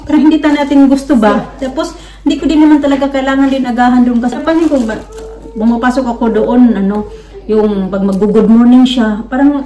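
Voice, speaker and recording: This Filipina vlogger has a mellow, fairly high voice and chats with her followers in a rambling way, full of filler words and restarts. She's far from the mic, so the room echoes a little and faint noise sits underneath.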